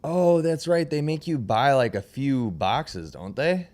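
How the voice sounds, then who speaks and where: A man's voice: mid-range voice, expressive, a little slow, darkish tone. A young man hosting a casual livestream, laid-back and slangy, often trailing off mid-sentence. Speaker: livestream host.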